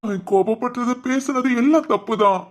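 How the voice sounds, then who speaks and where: A woman voicing a worried middle-aged father in a Tamil cartoon drama, speaking gently and explaining. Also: on the high side, moderate pace, natural voice.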